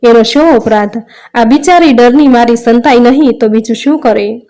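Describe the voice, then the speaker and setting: A woman's voice: fairly high pitch, moderate pace, mellow, natural voice. A woman voicing a stern, wrathful male god from a devotional tale, speaking in a commanding, reproachful way. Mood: gently pleading.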